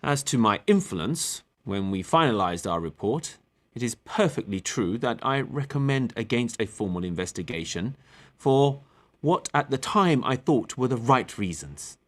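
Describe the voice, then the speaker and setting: In a table read of a courtroom play, a man plays an authoritative, defensive captain giving evidence. He speaks formally, deliberately and firmly. His mid-range voice is expressive, lightly acted.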